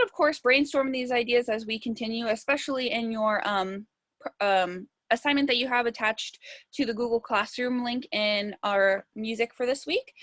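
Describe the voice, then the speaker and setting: Young woman music teacher, patient step-by-step delivery, slightly high pitch, dry recording. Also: a bit bright, no room sound. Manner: patient, step-by-step explaining, sounding words out slowly. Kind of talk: virtual classroom lesson.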